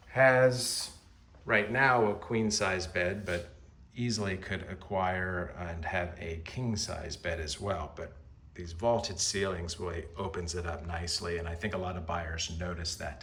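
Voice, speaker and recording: With a low, slightly bright voice, a man plays a real estate agent leading a walk-through of a house, offering polished, admiring sales patter on each feature. He moves from room to room indoors, and the rooms sound echoey with faint background noise.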